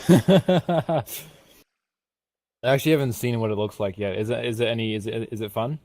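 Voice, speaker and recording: A man's voice: medium pitch, normal speed, dark tone, no room sound. Hesitant young man on dry voice chat. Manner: hesitant, stumbling over words. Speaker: player in squad voice chat. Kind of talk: casual gaming banter.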